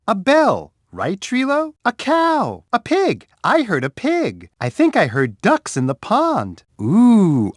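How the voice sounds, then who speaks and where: A man voicing a big, gentle, cheerful male bear in a children's game, talking warmly and encouragingly to a young player. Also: high voice, no room sound, clean studio sound, exaggerated voice. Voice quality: warm, soft, sing-song delivery with chuckles. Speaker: voice actor for a children's game character. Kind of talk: scripted game voice clips. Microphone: dry studio booth.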